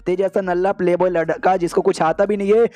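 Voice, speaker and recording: A man's voice: high voice, level tone, quick pace, warm tone, no echo, natural voice. A man voicing a proud, indignant old male court doctor in an anime recap. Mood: scornful. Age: older.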